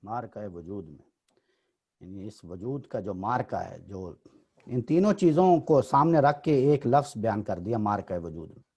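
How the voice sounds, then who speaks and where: A man's voice: lowish voice, expressive, mellow, breathy edge. A man teaching in a literary discussion, patiently explaining and correcting pronunciation.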